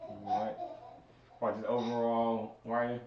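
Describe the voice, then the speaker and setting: A man's voice: medium pitch, flat delivery, a little slow. A man hosting a casual podcast debate, talking in loose slangy banter and laughing often. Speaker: podcast host running the bracket. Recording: roomy, distant, dull sound.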